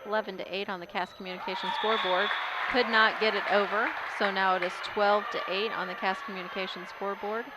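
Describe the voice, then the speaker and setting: A woman giving casual play-by-play commentary on a volleyball game, getting louder on big plays. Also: medium pitch, flat delivery, fast talker, hardly any pauses. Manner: chatty, casual, rises loudly on big plays. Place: school gym during a game. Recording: loud crowd and gym noise.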